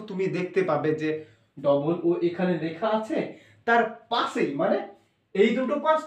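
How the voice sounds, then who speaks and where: A high-voiced man teaches phonics, going over each point more than once and checking in with an "okay" as he goes. He speaks a little way off the mic, so the room rings with echo. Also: recorded from a distance. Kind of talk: spoken English phonics lesson.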